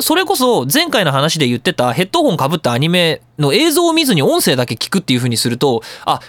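A man with a fairly bright, higher-pitched voice hosts a radio talk show, speaking with no echo. He's a host and audio engineer delivering a casual talk radio monologue on sound editing, chatty, opinionated and colloquial.

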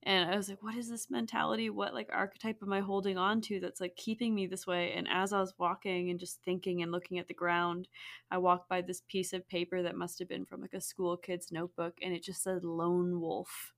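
A woman with a gravelly, fry-laced voice that sits a little low, chatting as a podcast guest. She talks in loose, reflective stretches full of fillers and easy laughs. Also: level tone, fairly quick. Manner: reflective, rambling, frequent "like" fillers, laughs often. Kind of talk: casual conversation.

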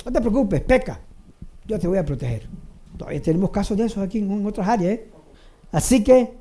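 Animated, mellow-voiced preacher. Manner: repeats phrases for emphasis; swings between raised emphatic lines and low quiet asides. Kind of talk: sermon.

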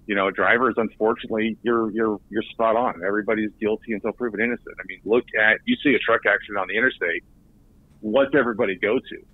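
A recruiting director appears as a guest on a podcast interview, speaking fast in a husky, fairly low voice with fairly even intonation. He's earnest and often repeats words as he restarts, heard over a tinny phone line with no room sound.

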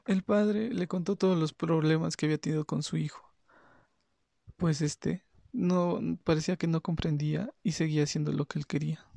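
Gravelly-voiced man reading a story. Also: a little high, dry recording. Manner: plain, steady narration with small restarts.

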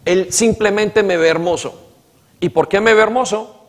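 A man's voice: high-pitched, normal speed. A man preaching a sermon, asking the congregation to repeat after him and acting out quoted dialogue with emphasis. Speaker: pastor. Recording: reverberant hall.

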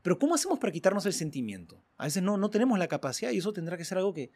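A man's voice: high-pitched, big pitch swings, racing, darkish tone. A man, a priest, talking in a casual chat, acting out little dialogues in other voices and laughing often.

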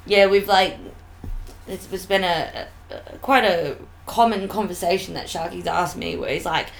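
A woman in casual podcast chat, blunt and quick with swearing asides. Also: fairly low pitch, gravelly, a little hiss or hum, low-quality recording.

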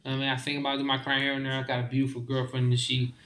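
A young man talking casually and openly, full of informal slang and halting restarts. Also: medium pitch, completely flat delivery, a bit bright. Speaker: guest. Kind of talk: casual heartfelt conversation.

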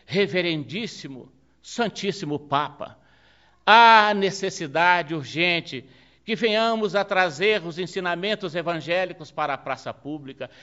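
A man's voice: high voice, animated, unhurried, sharp tone, dull audio, heavily acted. A man voicing a humble young friar who fervently implores the pope, his voice rising in emotional swells. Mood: imploring.

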